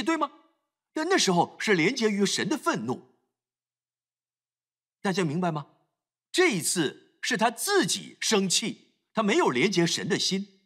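A man's voice: high-pitched, pushed and bright, slightly rough. A man preaching a sermon, emphatic, acting out scripture scenes as he talks.

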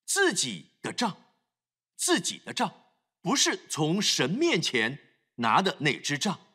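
High, very animated male preacher. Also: takes it slowly, breathy edge. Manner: emphatic, acts out scripture scenes. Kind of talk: sermon.

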